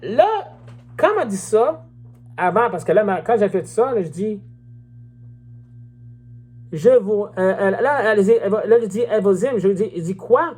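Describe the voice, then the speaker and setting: An earnest evangelist speaks in an informal livestream testimony. The voice sits mid-pitch, and the delivery is repetitive. Messages are read aloud slowly. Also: expressive, darkish tone, husky. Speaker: online evangelist.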